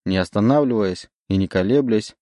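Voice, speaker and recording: A man narrates a dark tale with measured, dramatic pacing. His voice sits low and mellow, recorded close in a dry, deadened space with no room sound. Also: dry recording.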